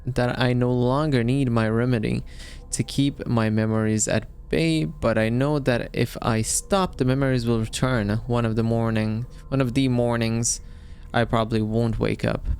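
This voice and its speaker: A man's voice: mid-range voice, fairly even intonation, normal speed, creaky, darkish tone, a little hiss or hum. A man casually commenting on a horror game as he plays, reacting aloud and reading on-screen text. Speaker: gameplay streamer. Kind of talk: casual let's-play commentary. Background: game music.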